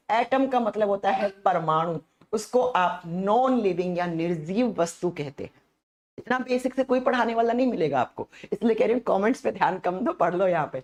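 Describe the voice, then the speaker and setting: A woman teacher with a sore, hoarse throat, giving a live online science lesson and repeating her questions to the students. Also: medium pitch, a little mellow.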